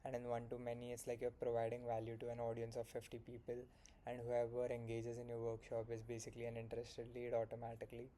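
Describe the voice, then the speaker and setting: Talking fast in a mellow, medium-pitched voice with a totally flat delivery, a young Indian man records a late-night vlog as a solo founder tracking his progress. He goes over his day frankly and in a rambling way, with lots of fillers and self-corrections, over a slight hiss or hum.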